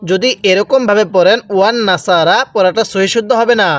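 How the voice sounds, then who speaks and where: A man teaching Quran reading in Bengali, stretching each recited word slowly and then explaining quickly, with a Bangladeshi accent. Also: sits high, dry recording. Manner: drawn-out recited words between quick explanations. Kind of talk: slow spelled-out Quran reading lesson.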